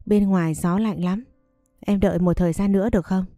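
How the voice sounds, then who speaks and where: A woman's voice: mid-range voice, steady tone, a little fast, mellow, no room sound, clean studio sound, soft background music, lightly acted. A woman voicing a grieving young woman, an older sister who speaks in a restrained, coaxing way.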